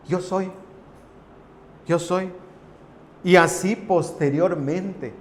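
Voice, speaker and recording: A man's voice: on the high side, a little mellow. A man preaching a sermon as a pastor, building emphasis on key phrases and addressing the congregation directly. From Mexico. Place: church hall. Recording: long reverb in a large hall.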